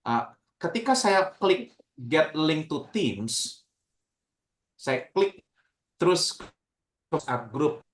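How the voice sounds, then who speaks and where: A man's voice: a little high, big pitch swings, very slow, pauses often. Male lecturer on a bad call line, voice breaking up, echoey room, long-winded asker. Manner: rambling, long-winded questioning. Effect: choppy audio breaking up over a bad call connection. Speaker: university lecturer asking questions in an online workshop. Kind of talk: casual questions on a video call. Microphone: computer mic on a video call.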